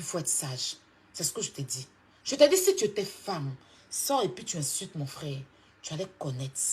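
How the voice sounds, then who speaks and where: A woman's voice: low voice, slight background noise. Scolding Ivorian woman on a live rant. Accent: Ivorian French. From Côte d'Ivoire. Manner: scolding, mocking, insistent repetition. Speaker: social media personality. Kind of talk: heated live-stream rant.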